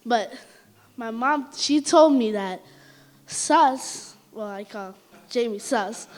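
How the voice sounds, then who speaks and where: Slow, halting high-voiced woman. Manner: halting, shy, laughing softly. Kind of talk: wedding speech. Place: wedding reception hall.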